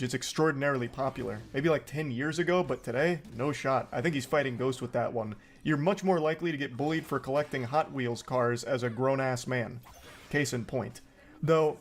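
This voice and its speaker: A man reading online comment threads aloud and mocking them sarcastically, swearing freely. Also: mid-range voice. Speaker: commentary host.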